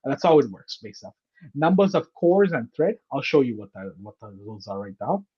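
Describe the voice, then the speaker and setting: Heard through muffled video call audio from a laptop or headset mic, this male instructor runs a live online computer class. His mid-range voice is sing-song, slightly rough and fairly quick as he goes step by step, constantly asking "okay?" and "right?".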